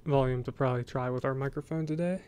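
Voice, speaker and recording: American guy doing soft spoken asmr, kinda rambly and hesitant, medium pitch, bit of noise with clicks and tapping. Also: quick pace. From United States. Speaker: ASMR video host.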